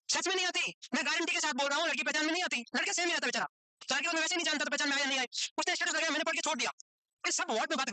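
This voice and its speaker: A man teaches a nursing class in a high, quick voice. He keeps drifting into teasing stories and banter with his students. The sound is dry and close. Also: pushed and bright, dry recording. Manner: teasing, chatty storyteller. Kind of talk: classroom lecture with joking asides.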